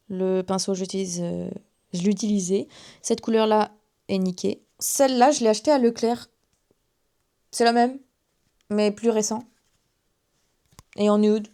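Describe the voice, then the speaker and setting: A woman's voice: medium pitch, dark tone. Chatty young French-speaking woman vlogging. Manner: chatty, self-mocking asides. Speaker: beauty vlogger. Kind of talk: casual makeup haul chat to camera.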